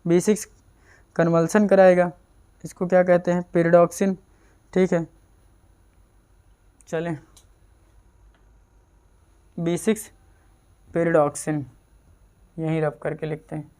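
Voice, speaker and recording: A man's voice: a little high, level tone, slow, pauses often, warm tone, smooth. A man giving a casual exam-prep chemistry lecture, repeating terms and asking and answering his own questions. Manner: repetitive drilling, asks and answers own questions. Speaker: chemistry teacher.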